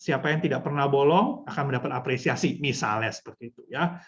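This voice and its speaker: A woman's voice: extremely low pitch, fast, lo-fi sound. A woman trainer teaching a storytelling workshop for children's ministry. She speaks instructively, addresses her listeners often and acts out short examples. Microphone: video call.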